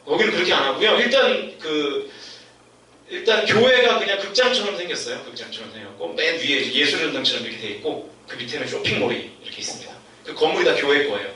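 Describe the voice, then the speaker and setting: A man gives a youth sermon in a big church hall, heard from a distance, so the sound rings around him. His voice is bright and higher than most, and his pitch swings widely as he tells stories and puts on quoted voices. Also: animated, fast talker. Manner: chatty storytelling, acts out quoted voices. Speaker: youth pastor. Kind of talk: sermon to young adults. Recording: echoey church hall, distant mic, faint noise.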